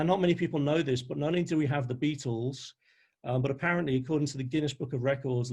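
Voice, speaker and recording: A man from Liverpool, England, with a Scouse accent and a mid-range, dark-toned voice runs a chatty live webinar as an NLP trainer. He reads out audience answers as he goes.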